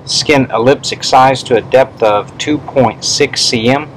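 A man dictates a clinical report at a slow, deliberate pace, voicing each punctuation mark. His voice sits at a middling male pitch, with steady room noise behind it. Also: low-quality recording. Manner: measured dictation, speaking punctuation aloud. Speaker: pathology specimen prosector.

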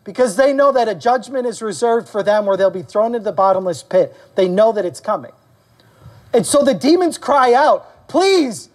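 A male pastor preaching a sermon to his church, animated, questioning the congregation and calling for amens. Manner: animated preaching, acting out quoted voices with rising pitch. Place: church service.

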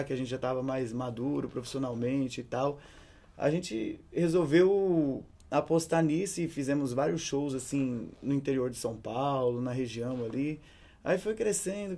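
Young Brazilian singer, mellow voice. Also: male voice, mid-range voice, creaky. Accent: Brazilian Portuguese. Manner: relaxed, chatty, with many fillers. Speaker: singer and songwriter, interview guest. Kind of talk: interview answers. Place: hotel room studio set.

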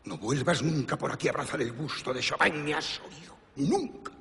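A stern gravelly piano master. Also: male voice, on the high side, animated, moderate pace, sharp tone, long reverb tail, heavily acted. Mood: contemptuous. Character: stern male piano master, cold and unforgiving. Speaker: classical piano teacher.

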